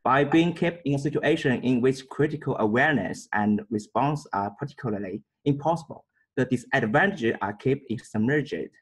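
A man's voice: mid-range voice, lively intonation, normal speed, husky. A nervous male student reading English test passages aloud and hesitantly repeating words after his teacher.

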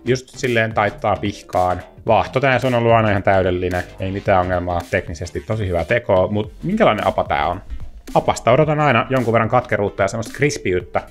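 A man with a fairly low voice talks through a beer tasting in a relaxed, chatty way. He thinks aloud between sips. Faint music plays in the background. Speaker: beer reviewer. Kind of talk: casual tasting review.

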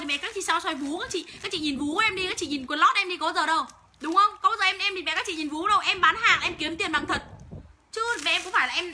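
A young woman sells clothes on a livestream, swinging between quick sales patter and profane, angry ranting. Her voice is high and piercingly bright, and she talks fast. Faint room noise sits behind her. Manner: rapid sales patter calling out buyers' names. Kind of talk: livestream selling, ranting at viewers.

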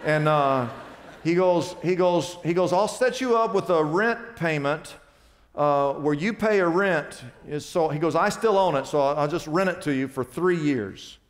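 A pastor telling a story in a sermon, animated and rising to loud excited peaks. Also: male voice, fairly high pitch, unhurried. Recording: long reverb of a large hall.

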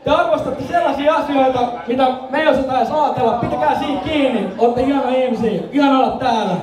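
A man from Finland working as a hype man at a gig, shouting to pump up the crowd and leading call-and-response chants. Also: very high voice. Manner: loud, crowd-pumping call-and-response, swearing. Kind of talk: shouted crowd hyping at a live show. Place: indoor gig venue with a crowd. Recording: echoey venue, far from mic, loud crowd. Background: crowd noise.

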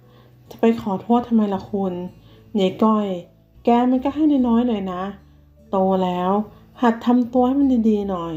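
A woman's voice: a little high, dark tone, close to an everyday voice. A woman playing a stern scolding mother. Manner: scolding, slow and firm. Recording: slightly dull, faint music.

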